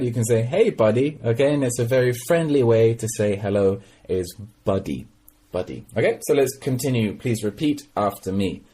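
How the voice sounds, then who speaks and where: A man's voice: on the low side, dark tone, breathy edge. A man teaching English vocabulary, leading repeat-after-me drills, checking in often with "okay?" and adding short explanations in Mandarin. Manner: slow, patient delivery with frequent "okay?" checks; mixes in brief Mandarin explanations.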